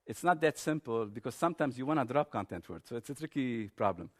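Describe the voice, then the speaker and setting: A man's voice: medium pitch, animated, fast. A man giving a technical conference presentation in an informal, explanatory manner.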